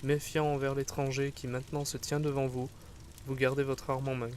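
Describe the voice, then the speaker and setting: A man delivers scripted second-person fantasy narration in a measured, solemn manner. His medium-pitched voice holds very steady from start to finish, with faint ambient noise in the background.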